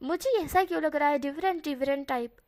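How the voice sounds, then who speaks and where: Brief: woman playing a doting, protective young man, firm but tender, high-pitched delivery. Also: brisk, darkish tone, close to an everyday voice. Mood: exasperated. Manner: firm then coaxing.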